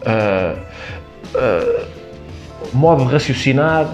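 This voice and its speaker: A man's voice: mid-range voice, expressive, slow pace, faint music behind. A man with a European Portuguese accent, a comedian being interviewed, explaining his ideas with examples and quoted asides. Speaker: comedian guest. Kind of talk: conversational interview.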